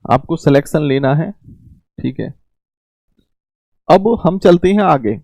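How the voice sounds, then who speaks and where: A man's voice: on the high side, animated, slow pace, gravelly, darkish tone, no room sound. A man teaching an exam coaching class online, giving fatherly advice and calling his students "beta", repeating his points to drive them home. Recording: dull lo-fi mic.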